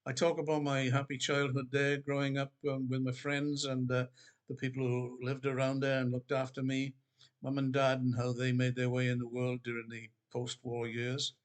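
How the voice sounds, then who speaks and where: A man's voice: mid-range voice, normal speed. Older man, rambling author talk. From Wales. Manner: relaxed, rambling, many ums and restarts. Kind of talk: casual spoken book promotion. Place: Queensland, Australia.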